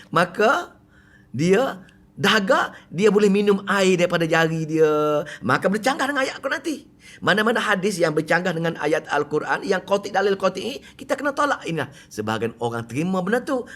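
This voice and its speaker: A middle-aged man with a Malaysian Malay accent giving a mosque lecture on Quran commentary, animated and full of rhetorical questions. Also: a little high. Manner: animated, rhetorical questions, acts out quoted speech loudly.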